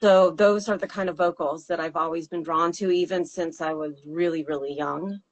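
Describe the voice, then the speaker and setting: A singer-songwriter with a fairly low female voice answers interview questions thoughtfully and hesitantly, using fillers and laughing now and then. Her intonation stays fairly even, and she speaks at a normal speed.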